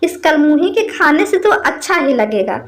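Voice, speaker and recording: A woman voicing a sharp-tongued, scolding mother-in-law in a storybook tale, full of taunts and name-calling. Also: high-pitched, very animated, normal speed. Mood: scornful.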